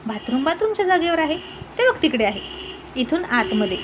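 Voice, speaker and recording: A woman voicing an exasperated young husband who pleads and explains slowly in a storybook reading. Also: high voice, very animated, noisy background, pitched above the performer's own voice. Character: exasperated young husband coaxing his wife. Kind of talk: storybook narration.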